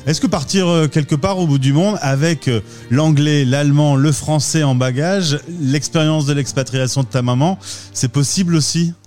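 A man hosting a radio interview, asking relaxed and teasing questions. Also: on the high side, moderate pace, soft background music. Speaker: radio host.

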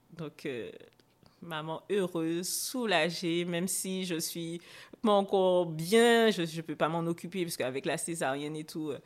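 A young adult woman, a podcast guest, recounting a personal experience with hesitations, fillers and emotion. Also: deep voice. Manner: hesitant, frequent fillers and restarts. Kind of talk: personal storytelling in a podcast interview.

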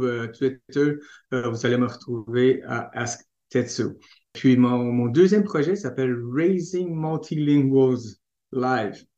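A man with a non-Parisian French accent, a podcast guest chatting casually and pausing to search for his words. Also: medium pitch, darkish tone, roomy sound, dull audio. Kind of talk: casual chat.

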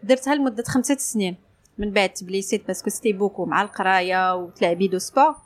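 A woman's voice: mid-range voice, racing. A woman with a Moroccan Arabic accent, telling her story casually as an interview guest and mixing French phrases into her speech. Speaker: interview guest, sports journalist.

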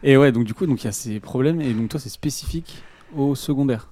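A man's voice: mid-range voice, brisk, warm tone. A young man hosting a casual chat, asking questions and steering the talk with hesitant fillers. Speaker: host.

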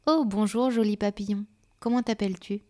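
A woman's voice: medium pitch, steady tone, brisk, darkish tone, natural voice. A woman voicing a young female night flower, hopeful and a little wistful, in a children's storybook. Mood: friendly.

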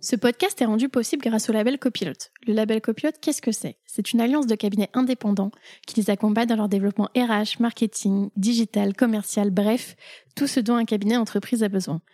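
Dark-toned woman podcast host. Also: fairly high pitch, fairly even intonation, a little fast, dry recording. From Brittany. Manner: hesitant, many fillers. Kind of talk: conversational interview. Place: coworking space.

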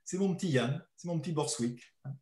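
A man's voice: on the high side, a little fast. Teasing southern French man in a roomy hall. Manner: teasing, animated storyteller. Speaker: co-author presenting a book. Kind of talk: playful talk at a book event. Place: talk venue with audience. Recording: roomy echo.

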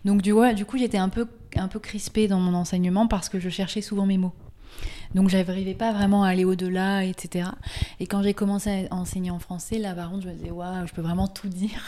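A woman's voice: medium pitch, flat delivery, fast talker, mellow, slight background noise. A woman hosting a casual interview, asking rambling, hesitant questions with many fillers. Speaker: interviewer and fellow yoga teacher.

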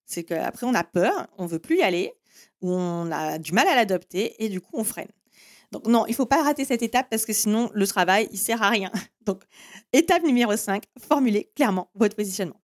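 A woman's voice: medium pitch, lively intonation, normal speed. A woman hosting a solo marketing podcast, explaining step by step in a direct way and giving listeners firm instructions. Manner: direct, explanatory, with frequent "en fait" and "eh bien".

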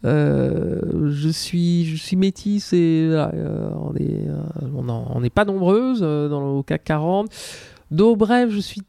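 Woman guest, mellow dark tone, dry close mic, lots of restarts. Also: sits low, animated, unhurried, creaky, dry recording. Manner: hesitant, many restarts. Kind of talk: podcast interview.

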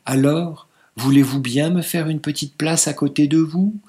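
A man's voice: a little high, fairly even intonation, normal speed, dark tone, natural voice. A man voicing an eager, courteous young husband in a read-aloud classic novel, speaking in a coaxing, pleading way.

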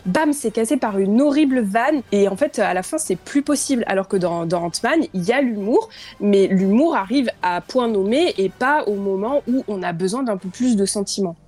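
A woman's voice: medium pitch, lively intonation, moderate pace, a little mellow. A woman columnist on a podcast chat, giving frank and emphatic opinions.

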